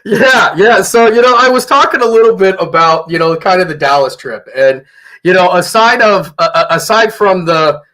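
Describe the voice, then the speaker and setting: A man's voice: sits high, animated, moderate pace, pushed and bright. A man hosting a sports radio show, talking loosely with many fillers. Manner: loose, hesitant, filler-heavy talk. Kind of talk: casual radio chat.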